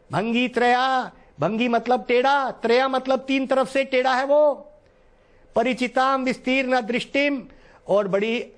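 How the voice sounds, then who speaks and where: High-voiced man giving a devotional talk. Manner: recites verse then explains it line by line, earnest and pleading. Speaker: spiritual teacher. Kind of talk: devotional discourse explaining Sanskrit verse.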